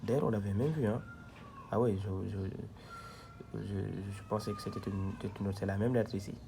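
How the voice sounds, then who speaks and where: A man's voice: lowish voice, steady tone, normal speed, gravelly, background noise. A man teaching a reading lesson at a board, patient and repetitive, spelling out syllables one by one.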